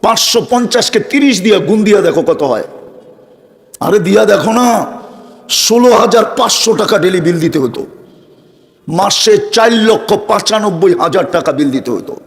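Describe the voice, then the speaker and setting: A man's voice: sits high, expressive, normal speed. A man preaching a sermon, fervent and full of rhetorical questions put straight to his listeners. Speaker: Islamic preacher. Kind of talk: sermon to a live audience.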